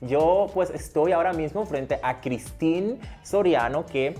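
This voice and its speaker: A man hosting an interview, eager and quick in bursts, full of fillers and repeated words, on a lapel mic in a small studio. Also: a little high, a little mellow, soft background music. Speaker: interviewer host. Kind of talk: casual interview. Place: small TV studio set, indoors.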